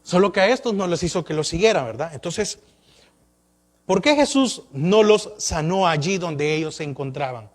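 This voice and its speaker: A man's voice: a little high, expressive, normal speed. A male pastor preaching a sermon, asking the congregation question after question with rising and falling emphasis.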